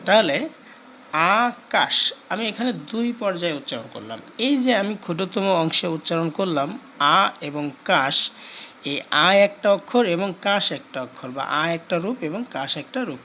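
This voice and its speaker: A male teacher giving a grammar lesson, repeating key terms slowly and asking questions he answers himself. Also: high-pitched, big pitch swings, a bit bright, slight background noise, poor audio.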